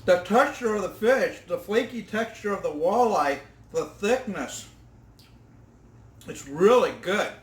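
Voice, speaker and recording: A man's voice: sits high, lively intonation, measured pace, roomy sound. A man hosting an outdoor cooking vlog, tasting his fried fish with enthusiastic exclamations. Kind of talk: casual eating vlog.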